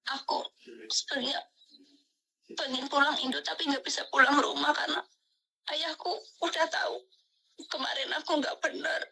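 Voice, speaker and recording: A woman's voice: high-pitched, steady tone, moderate pace, gravelly, pauses often, bright, forceful tone, poor audio. Woman on a choppy, breaking-up call. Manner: hesitant and subdued. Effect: choppy breaking-up internet call audio. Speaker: caller. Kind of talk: phone-in confession. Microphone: internet voice call over wifi.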